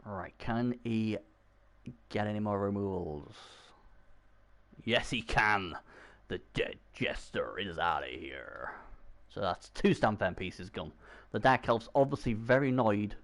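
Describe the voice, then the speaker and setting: A man giving casual, excitable commentary on a video game match, often repeating himself. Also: on the low side, creaky.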